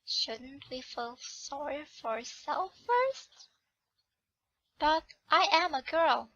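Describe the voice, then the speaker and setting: A woman narrates a romance visual novel aloud in the heroine's voice and stops to correct her own reading. Her voice is high and bright, and she speaks slowly. The recording is dry and slightly dull. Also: animated, no room sound. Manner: reads the heroine's lines, corrects herself aloud. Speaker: channel host reading a game.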